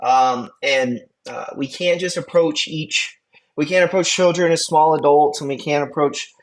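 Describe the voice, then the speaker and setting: Young male instructor, 20s, slightly high voice, relaxed filler-heavy lecture delivery. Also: unhurried. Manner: casual, filler-heavy explaining with frequent "you know" and "right". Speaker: EMT instructor. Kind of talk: recorded lecture.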